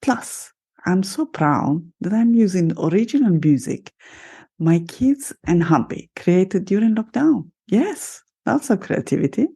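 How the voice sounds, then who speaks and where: A middle-aged Italian-accented woman, podcast host and life coach, speaks solo and straight to her listeners in an upbeat, self-celebrating way. Her medium-pitched voice is animated, warm, and husky with vocal fry, at a measured pace.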